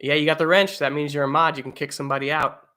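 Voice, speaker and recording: Young male streamer, bright voice, loose rambling delivery full of "uh"s. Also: on the high side, fairly even intonation, fast. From eastern United States. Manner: rambling, lots of fillers and restarts. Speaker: livestream host. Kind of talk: casual live chat reading viewer comments. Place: home, indoors.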